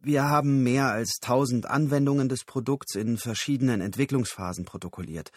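A man's voice: medium pitch, brisk, a little mellow, dry recording, studio quality, natural voice. A man voicing an earnest, somewhat awkward male product researcher.

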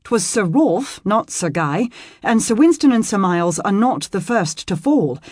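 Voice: mid-range voice, expressive, measured pace, darkish tone, breathy edge, no echo, clean studio sound, pitched above the performer's own voice. A narrator voicing an earnest, loyal teenage squire speaking in formal old speech. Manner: formal, dutiful.

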